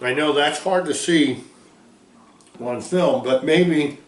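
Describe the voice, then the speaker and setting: Cheery pitchman cooking on camera, slightly high voice, roomy kitchen sound with faint hum behind. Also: takes it slowly. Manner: folksy, upbeat pitchman. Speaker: small food business owner. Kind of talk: cooking demonstration.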